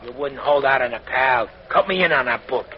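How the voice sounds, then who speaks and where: An actor playing a wheedling greedy sidekick. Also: male voice, mid-range voice, lively intonation, brisk, a little hiss or hum, lightly acted. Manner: wheedling, pushy. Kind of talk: 1940s radio acting. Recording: muffled old radio recording.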